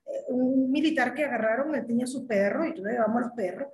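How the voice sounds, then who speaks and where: An emphatic woman, her voice quite high, talks politics with indignation. There's an echoey room around her voice. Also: fast talker, darkish tone. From Venezuela. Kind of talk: casual political talk.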